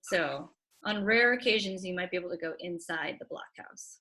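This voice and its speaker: A woman's voice: on the low side, moderate pace, a crowd in the background. A woman hosting an online talk over a video call, chatty and upbeat, announcing events and reading out audience comments. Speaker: webinar host.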